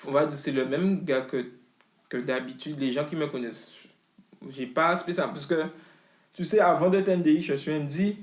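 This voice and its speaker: His voice sits a little high and moves at a moderate pace as this rapper chats casually in an interview, slangy and loose with frequent restarts. The room adds noticeable echo.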